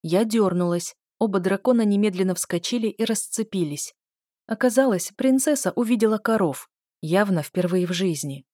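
A woman narrates an audiobook in the first person. Her voice sits at a middle pitch and tells the story in a lively way. The recording is dry and close, with no room sound. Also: normal speed, dry recording.

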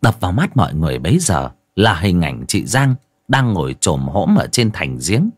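A man narrating a ghost story in a lively, dramatic way. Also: low voice, moderate pace, slightly rough, no room sound, clean studio sound.

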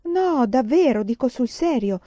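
A woman's voice: sits high, animated, a little slow, dark tone, no echo, muffled recording, pitched above the performer's own voice. Laura, a woman reading an earnest teenage girl.

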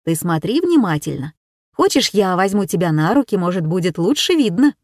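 A woman reading aloud voices a patient father, speaking calmly and reassuringly to his small daughter. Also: on the low side, normal speed, dry recording, studio quality. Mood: gentle. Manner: calm, soft and reassuring.

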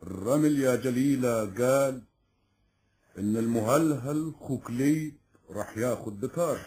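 Actor as grave prophetic emir, medium pitch. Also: male voice, normal speed, a little mellow, lightly acted. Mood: foreboding. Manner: solemn, portentous. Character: grave emir of legend, fatalistic bearer of prophecy.

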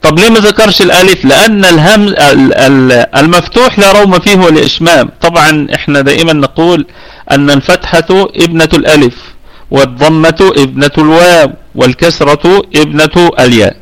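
A man's voice: a little high, a little fast, a bit bright. A middle-aged man with an Egyptian Arabic accent giving a live online tajweed lesson, explaining patiently and often correcting himself mid-sentence. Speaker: Quran recitation teacher.

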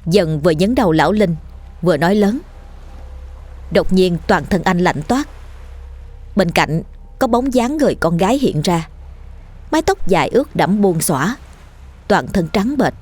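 A woman reading a ghost story in an even, measured way. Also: on the low side. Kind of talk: scripted ghost story narration.

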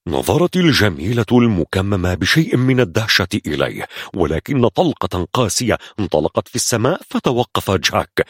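Husky low-voiced male storyteller. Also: fairly quick, dry recording, clean studio sound. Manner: suspenseful, expressive narration. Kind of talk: dramatic film retelling.

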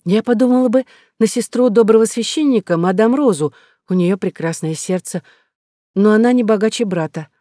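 A man's voice: high-pitched, moderate pace, mellow, no room sound, clean studio sound, pitched above the performer's own voice, close to an everyday voice. A man reading a novel aloud, voicing a tender, devout young woman with an eager, pleading manner. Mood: thoughtful.

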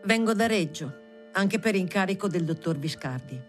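Reader doing a shrill young woman in an audiobook, chatty, pushy, unruffled, rambling on, faint music behind. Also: expressive, normal speed, close to an everyday voice. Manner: talkative, rambling, overly familiar.

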